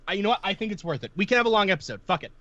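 A man's voice: high-pitched, very animated, rapid-fire, fairly bright tone, muffled recording. A man co-hosting a casual podcast, rambling with lots of restarts. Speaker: podcast co-host.

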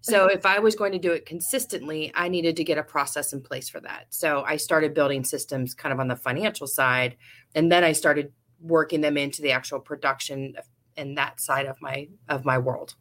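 Low-pitched woman guest; frank, chatty business owner talking shop casually. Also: normal speed, a bit bright. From Ohio, USA. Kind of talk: casual interview answers.

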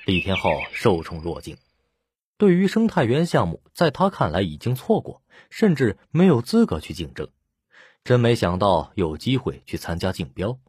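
A man narrating a serialized novel as an audiobook, with steady storytelling delivery. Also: lowish voice, normal speed, breathy edge, no room sound. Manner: steady storytelling, voicing the lead plainly.

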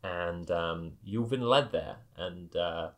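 A man narrating an improvised tabletop game as game master, with a halting, hesitant delivery. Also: low voice.

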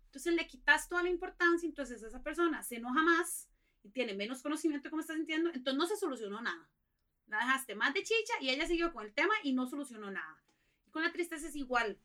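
Bright, fast-talking Costa Rican woman. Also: high-pitched. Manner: animated, acts out quoted remarks. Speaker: podcast guest. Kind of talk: casual podcast chat.

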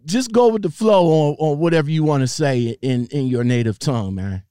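A man's voice: fairly high pitch, mellow, smooth, no echo, clean studio sound. A man interviewing casually in slangy speech, often repeating his phrases as he gropes for the question. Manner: halting, repeats phrases over and over.

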